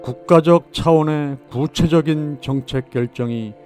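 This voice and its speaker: A man's voice: fairly high pitch, measured pace, darkish tone. Solemn male documentary narrator. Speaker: channel narrator. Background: faint background music.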